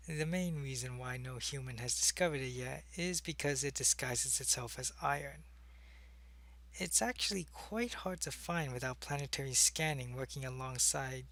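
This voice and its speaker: Speaking to the listener as if they were a human he's confiding in, a man plays an earnest alien agent with secrets, explaining things hesitantly in an intimate ASMR roleplay monologue. He has a medium-pitched, creaky voice that sounds pushed and bright.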